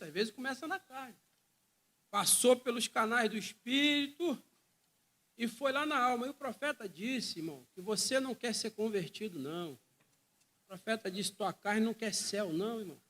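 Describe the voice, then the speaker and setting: Fervent high-voiced Brazilian preacher. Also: male voice, sharp tone. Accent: Brazilian Portuguese. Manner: fervent, emphatic, repeats phrases, calls listeners "irmão". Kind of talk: sermon.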